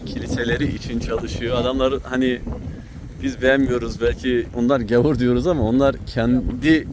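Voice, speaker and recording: A man's voice: mid-range voice, fairly even intonation, brisk, background noise. A man chatting casually in a family vlog, explaining things as he goes, outdoors in town. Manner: explaining, talkative. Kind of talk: casual conversation.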